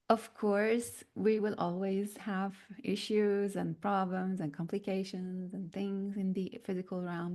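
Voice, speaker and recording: A woman from North Africa gives a reflective spiritual talk, slow and searching, with many pauses and fillers. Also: medium pitch, mellow. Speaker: spiritual teacher.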